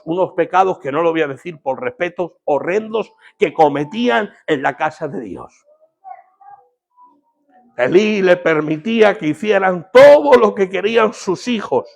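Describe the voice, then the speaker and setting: Fervent high-voiced pastor preaching. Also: male voice, vocal fry. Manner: fervent preaching with call-and-response. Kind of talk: sermon.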